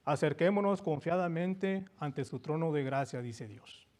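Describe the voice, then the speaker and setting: A man preaches with a high voice, turning from one language to the other and back. He speaks to his congregation as brothers and presses his points with rising fervor. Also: measured pace, a little mellow. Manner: switches between Spanish and English, repeating each passage. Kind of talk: bilingual sermon.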